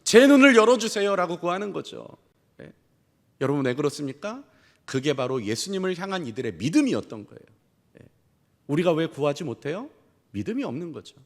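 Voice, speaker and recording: Male pastor with a high voice, preaching a storytelling sermon and asking the congregation questions, recorded in a church with long reverb. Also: very animated, fairly quick, gravelly, long pauses. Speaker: senior pastor. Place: church sanctuary.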